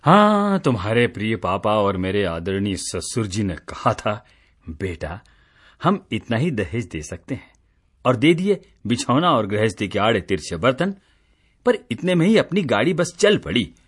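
A man's voice: fairly low pitch, unhurried, breathy edge, exaggerated voice. An actor playing a tired office-going husband who teases and scolds his wife, in a radio play. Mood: teasing. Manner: teasing, exasperated, lively. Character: teasing middle-aged husband, tired office worker.

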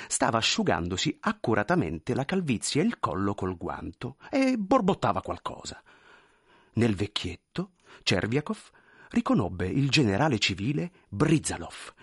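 A man reading a story aloud in an expressive, theatrical narrating style. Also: fairly low pitch, slightly rough, dry recording, clean studio sound. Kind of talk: scripted narration.

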